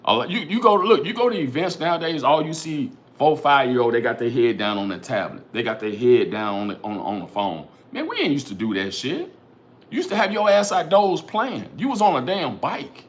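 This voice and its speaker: A middle-aged man talking straight to his livestream audience, lively and loose, with plenty of swearing. His voice sits at a middle pitch but swings up and down a lot as he presses his points. He keeps circling back to the same phrases and calls on viewers by name. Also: brisk. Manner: animated, profane, rhetorical, keeps addressing chat viewers by name; repeats phrases and asks "you know what I'm saying". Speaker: livestream host reading chat. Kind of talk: casual livestream talk.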